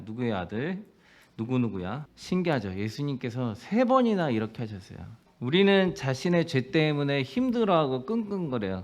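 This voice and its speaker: A man's voice: mid-range voice, a little mellow. A man preaching a sermon as pastor, telling a story and acting out its quotes, often asking the congregation questions. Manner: asks the congregation rhetorical questions.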